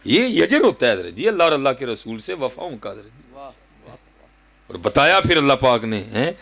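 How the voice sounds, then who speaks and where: A man in his thirties with a Punjabi accent delivers a fervent sermon, his voice gravelly and rough at the edges. His pitch sits in an ordinary middle range but jumps sharply on rhetorical questions. He keeps turning to his listeners with respectful address. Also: very animated, a bit bright. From Pakistan. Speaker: preacher. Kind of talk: Urdu sermon.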